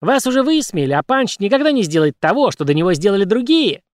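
A man voicing a shrill, pushy male puppet showman with a squeaky, birdlike voice. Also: quick pace, no echo, clean studio sound. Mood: wheedling. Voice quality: squeaky, high birdlike chirp. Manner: grandly flattering, exclamatory barker. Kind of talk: audiobook character voice.

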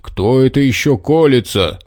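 A man voicing a big blustering male bear in a children's story, with slow, drawn-out wailing and growling. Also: mid-range voice, animated, darkish tone, dry recording, clean studio sound, natural voice.

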